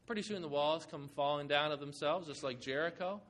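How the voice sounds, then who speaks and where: A man preaching to his congregation in a sermon, speaking earnestly and conversationally. His voice sits a little higher than most men's, and he leans on folksy everyday examples to make his point. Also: fairly quick, fairly bright tone. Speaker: pastor. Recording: church sanctuary recording.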